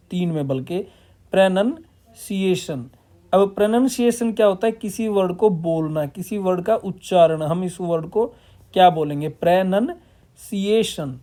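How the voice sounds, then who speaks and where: A man from Punjab, India, with a high-pitched, warm voice explains a lesson classroom-style in Hindi sprinkled with English terms. He poses questions and then answers them himself.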